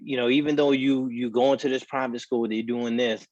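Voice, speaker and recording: A man's voice: medium pitch, fairly even intonation, normal speed, darkish tone, dry recording. A man co-hosting a casual talk show, his voice muffled as if heard through a wall, talking in earnest, heated bursts. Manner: earnest and heated, speaks in short restarting bursts. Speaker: podcast co-host. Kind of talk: casual opinionated chat. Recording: dull muffled remote call audio.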